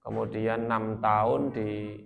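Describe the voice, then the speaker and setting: A man's voice: on the low side, flat delivery, unhurried, creaky. A man from Central Java with a Central Javanese accent, preaching in a chatty, joking way and asking the audience questions. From Magelang, Central Java. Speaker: Islamic preacher. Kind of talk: sermon to a village gathering.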